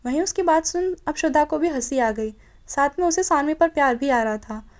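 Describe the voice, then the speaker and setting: A woman's voice: high-pitched, normal speed. A woman narrating a romance audiobook, reading each character's lines in slightly changed tones and correcting her own slips. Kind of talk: storybook narration voicing all characters.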